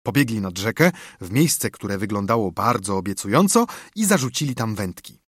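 A man narrating a story with expressive, storytelling delivery. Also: on the low side, normal speed, husky, no room sound, studio quality. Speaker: audiobook narrator. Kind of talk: scripted narration.

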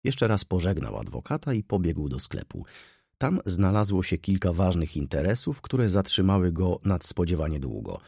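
A male narrator reading a classic novel aloud in a deep, husky voice. His pitch moves in lively curves as he tells the story at a measured pace. The recording is dry and close. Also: dry recording. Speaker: audiobook narrator.

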